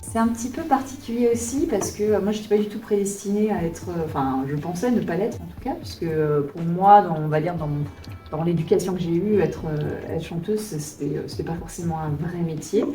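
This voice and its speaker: Singer lady in her late 30s, low mellow voice, far off the mic, echoey hall, earnest and thoughtful. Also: brisk. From Alsace, France. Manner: earnest, thoughtful, searching for words. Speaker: singer-songwriter. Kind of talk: interview answers. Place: concert venue. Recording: echoey room, voice from a distance.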